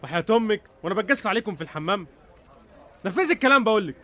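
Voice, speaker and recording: Radio drama role: impatient Egyptian police investigator, very fast delivery, slightly high voice, sarcastic, intimidating. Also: male voice, animated, sharp tone. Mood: commanding.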